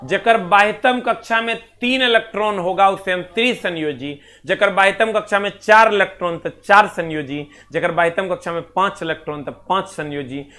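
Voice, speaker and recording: A man's voice: high voice, moderate pace, hardly any pauses, bright, forceful tone. A male teacher giving an online exam-prep lecture. He chats straight to his students, scolding and affectionate by turns, and drills numbers in a sing-song count.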